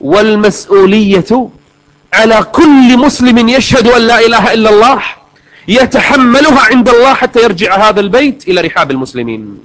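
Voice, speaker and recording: Man, preacher, sermon, very high-pitched, earnest, slow drawn-out recitation. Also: lively intonation, rough recording. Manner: stretches out recited verses slowly, earnest preaching.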